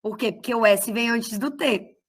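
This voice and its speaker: High-voiced teacher with a Cearense accent. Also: female voice, moderate pace, breathy edge. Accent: Cearense Brazilian Portuguese. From Ceará, Brazil. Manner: chatty, affectionate explaining to students. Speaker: Portuguese teacher. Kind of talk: online class lecture.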